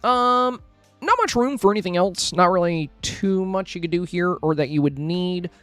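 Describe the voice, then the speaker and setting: A man's voice: high-pitched, moderate pace, a bit bright, dry recording. A man with a slightly raised voice chats through friendly critiques of game screenshots on a live stream, thinking aloud with fillers and restarts. He sits close to a dry mic, with faint music playing underneath. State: hiccuping, with a headache. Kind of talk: casual live-stream review commentary.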